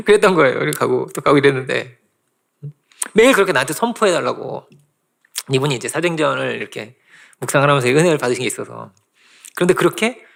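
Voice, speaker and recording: A male pastor delivers a Sunday sermon in a church at a brisk, rushing pace. His voice sits a little high for a man and has a gravelly, fry-edged texture. He tells stories animatedly and acts out the quotes himself. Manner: animated storytelling with laughs and acted-out quotes. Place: church sanctuary.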